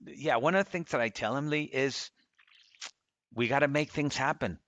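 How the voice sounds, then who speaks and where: A Costa Rican man in his fifties co-hosts a casual conversational podcast, his mid-range voice fairly bright and at normal speed. He talks earnestly and motivationally, repeating phrases to drive points home.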